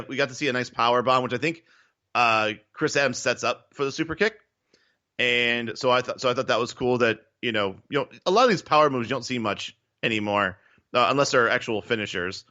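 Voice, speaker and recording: A man with a bright, pointed voice co-hosts a casual wrestling podcast, arguing his ratings bluntly and swearing freely. The sound is a little muffled and lo-fi. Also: medium pitch. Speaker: podcast co-host. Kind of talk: casual wrestling recap chat.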